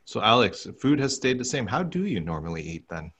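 A man's voice: mid-range voice, big pitch swings, brisk, fairly bright tone. A man hosting a podcast who keeps the talk moving with questions for his guests. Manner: prompting with questions. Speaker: podcast host. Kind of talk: casual interviewing.

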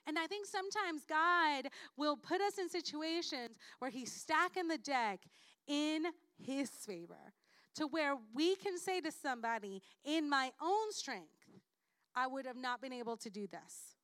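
A woman from Puerto Rico preaching a sermon as a guest speaker, lively and playful, acting out the voices of the people in her stories. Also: high voice, a little slow, no room sound, clean studio sound.

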